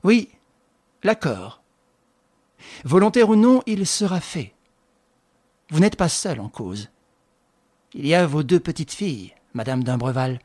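A firm, commanding gentleman, as a male reader voices him in an audiobook. He speaks with authority, his pitch rising forcefully on key words. The voice sits fairly high and lively. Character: commanding composed gentleman investigator. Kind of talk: audiobook reading.

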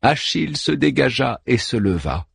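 Man, gravelly husky voice, lively dramatic narration, dry close sound. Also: medium pitch, normal speed, no echo. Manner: dramatic, expressive storytelling. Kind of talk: scripted audiobook narration.

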